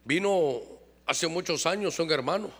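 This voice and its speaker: Preaching a sermon in a church, a middle-aged pastor calls out to his congregation and draws them into call-and-response. His voice sits on the high side, fairly bright, at a measured pace, with the long reverb of a church hall.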